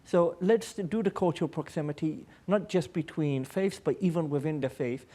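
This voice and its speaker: A Pakistani-born American man, speaking as an aid worker on a public panel, shares personal anecdotes earnestly and emphatically. His voice is on the high side and mellow, at a normal speed.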